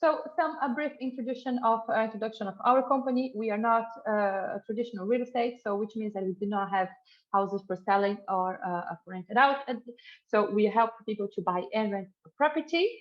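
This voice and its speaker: A middle-aged Brazilian woman, a housing buying manager, presents a housing webinar as host. She's friendly, laughs easily, and uses many fillers and restarts; her medium-pitched voice is brisk, with the highs cut off.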